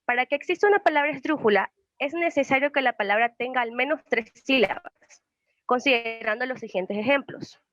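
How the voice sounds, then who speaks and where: A woman's voice: high voice, brisk, a bit bright, dry recording. A young woman, a student, reading a class presentation that poses questions and then answers them. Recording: muffled lo-fi recording.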